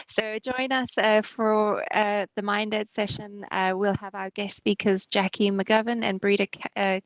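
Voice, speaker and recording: A woman's voice: medium pitch, fairly bright tone, no room sound, dull audio. A woman with a South African accent co-hosting an online wellness webinar and announcing upcoming sessions. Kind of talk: casual online webinar talk. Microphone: video call.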